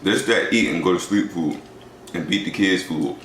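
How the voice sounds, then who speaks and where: A young man with a very low voice talks loose and slangy while eating on camera. He sits a little back from the mic, so he sounds distant in an echoey room with faint background hum. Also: moderate pace, a bit bright. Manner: laid-back slangy talk. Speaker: vlog co-host. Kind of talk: casual mukbang chat.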